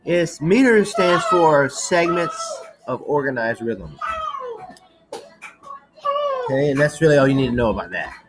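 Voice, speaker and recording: A woman's voice: low-pitched, animated, a little slow, long pauses, background noise. A woman teacher giving a recorded slideshow lecture in a chatty manner, checking in often with "okay".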